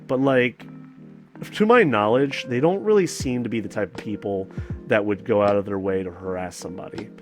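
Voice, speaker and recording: A man's voice: on the low side, a little mellow. A man hosting a casual commentary video, rambling with many fillers, sarcastic asides and swearing.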